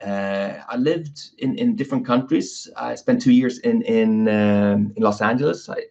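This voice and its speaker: A Swedish man, a physiotherapist, hosts his own podcast and chats casually, often ending lines with "okay?" and "you know." His medium-pitched voice is gravelly and darkish, and he talks a little slowly. The recording is dull and lo-fi.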